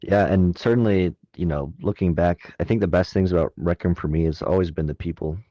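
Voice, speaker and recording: A man of twenty-one chatting as a podcast guest, relaxed and rambling with lots of fillers. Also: low-pitched, fairly quick, dry recording, lo-fi sound. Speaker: guest filmmaker. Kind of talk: casual podcast chat.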